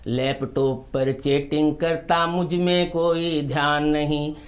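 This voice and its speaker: A married woman in her forties, fed up with her husband, pours out her complaints in a slow, sing-song comic poem, sung by a man in his own voice. The melody stretches each line, and the tone sits fairly high. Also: fairly even intonation. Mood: complaining.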